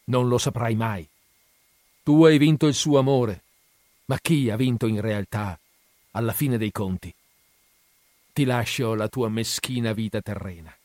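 A man voicing a frenzied, gleeful old Egyptian priest who speaks in a loud, exalted, hysterical way in a dramatic audiobook reading. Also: mid-range voice, unhurried, pauses often, no room sound, studio quality, close to an everyday voice.

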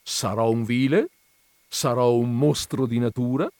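A man reading aloud, voicing a cheerful gentleman who can't stop making puns. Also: medium pitch, measured pace, no echo, pitched above the performer's own voice, lightly acted. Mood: jovial. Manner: jovial, cheerfully pleased with own puns. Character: jovial punning male gentleman.

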